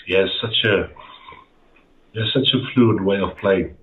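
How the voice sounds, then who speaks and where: Speaking from a dimly lit room at home through a video-call headset, the Afrikaans-accented interviewee, a middle-aged man, wanders through his answers and repeats himself. His voice is low and a touch slow, and the audio comes across tinny and echoey.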